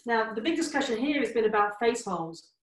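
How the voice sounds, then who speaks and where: A woman's voice: fairly high pitch, animated, a little fast. A woman therapist giving practical tips in a casual, chatty demonstration style. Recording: echoey room, distant from the microphone.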